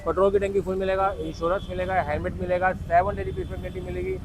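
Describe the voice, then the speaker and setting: Guy doing a bike dealer sales pitch, really quick talker, high voice, street noise behind. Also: animated. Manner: salesman's patter with repeated prices. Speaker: used-bike dealer presenting stock. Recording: clear outdoor street and traffic noise.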